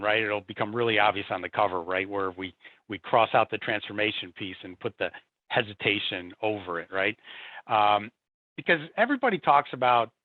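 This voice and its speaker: Here the same kind of guest, a male executive in support and field services, sounds on the low side while talking conversationally in an interview. Repeated words and frequent "you know" and "right?" fill his speech, and the tinny remote call has no room sound.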